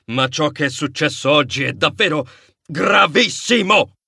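A man voicing an officious male mouse resort official in an audiobook, measured and formal. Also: on the high side, lively intonation, gravelly, bright, forceful tone, slightly rough, no room sound, clean studio sound, exaggerated voice. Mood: grave. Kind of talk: audiobook character voice.

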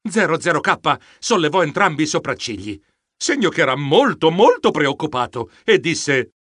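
A man narrating a children's adventure audiobook in the first person, with theatrical, expressive delivery. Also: fairly high pitch, normal speed, no echo, clean studio sound.

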